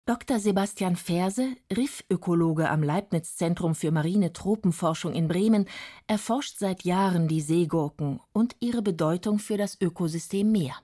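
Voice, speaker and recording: A woman's voice: lowish voice, moderate pace, dark tone. A woman reading scripted science narration for a radio documentary. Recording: music bed behind the voice. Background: music.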